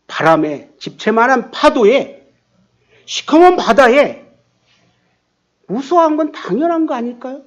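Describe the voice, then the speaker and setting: A man pastor preaching a sermon, acting out quoted lines with sudden bursts of volume. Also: muffled recording. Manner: animated, acts out quotes with rising pitch and volume.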